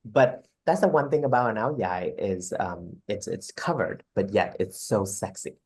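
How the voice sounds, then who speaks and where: A man hosting a casual conversation, warm and affirming, often saying "yeah" and "mm-hmm". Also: fairly low pitch, normal speed, slightly rough. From southern Vietnam. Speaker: host, fashion designer.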